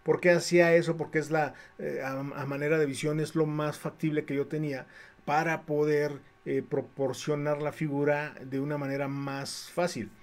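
A middle-aged man with a Mexican accent tells a story from his past on his livestream. His slightly high voice is casual and animated. He often stumbles and restarts his phrases as he goes. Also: normal speed. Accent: Mexican Spanish. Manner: lively and animated, with many restarts. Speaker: comic artist and livestream host.

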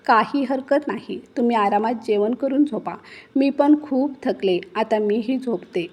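Woman doing a kind caring maid, soft soothing talk, husky voice. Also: on the high side, a little slow. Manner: gentle, soothing. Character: kind middle-aged female housemaid, gentle and caring.

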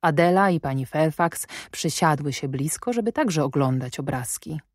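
A woman narrates a classic novel in a measured, even way. Her voice is low, recorded close and dry. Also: no echo. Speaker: audiobook narrator. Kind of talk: scripted narration.

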